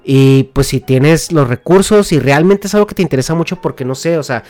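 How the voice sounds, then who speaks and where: A man's voice: fairly high pitch, fairly quick, a little mellow. A man with a Mexican Spanish accent, hosting a podcast and explaining things casually with slang, fillers and restarts. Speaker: podcast host.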